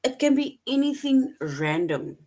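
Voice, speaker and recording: A woman's voice: sits high, very animated, a little slow, a little mellow. A woman teaching an online English lesson to young children, patient and repetitive, often checking in with "right?".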